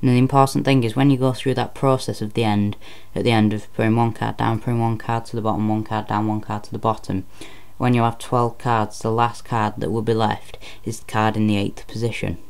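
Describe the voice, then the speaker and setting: Guy doing card magician patter, gravelly voice, pretty flat, walks you through it step by step. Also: fairly low pitch, brisk, few pauses. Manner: step-by-step explaining, repeats phrases. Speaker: card trick presenter.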